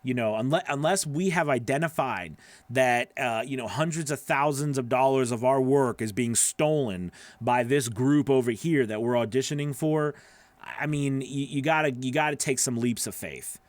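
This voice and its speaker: Speaking at normal speed in a mid-range voice, this middle-aged host and voice-over coach gives relaxed, conversational advice in reply to live viewers' questions. He's emphatic and often checks in with his audience. The recording comes from a small indoor home studio on a close broadcast microphone mounted on a boom arm, with no room sound.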